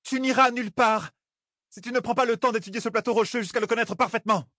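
A man's voice: sits high, a little fast, no echo, studio quality, voice pushed up. A man voicing a determined young woman about to become queen, speaking firmly in a raised, commanding voice.

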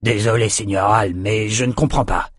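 A man's voice: fairly low pitch, steady tone, moderate pace, breathy edge, dry recording, studio quality. A man voicing a weary, blood-soaked male soldier who raises blunt but respectful objections, in an audiobook. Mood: worried. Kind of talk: audiobook character reading.

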